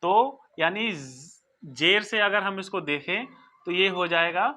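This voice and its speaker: A teacher giving a recorded lesson, explaining slowly and patiently, sounding out word forms and often checking that listeners follow. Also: medium pitch, sharp tone. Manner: patient, repeats and checks understanding. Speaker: Arabic grammar teacher. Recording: dull lo-fi recording.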